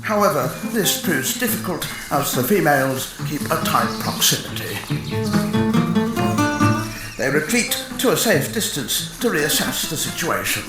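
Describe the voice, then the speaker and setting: A man giving a mock-serious nature documentary narration in formal, measured phrases. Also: fairly high pitch, big pitch swings, roomy sound, poor audio. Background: music.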